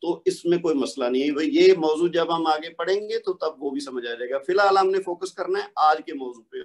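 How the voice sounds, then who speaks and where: A man teaches a recorded online recitation lesson in a fairly high voice. He explains each rule patiently, step by step, and draws out the example words slowly so learners can repeat them.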